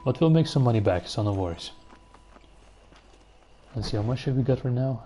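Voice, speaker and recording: There's a faint hiss or hum behind this man's medium-pitched voice as he talks at a moderate pace. He streams a game live in a laid-back way, thinking out loud while playing and answering viewers in casual commentary.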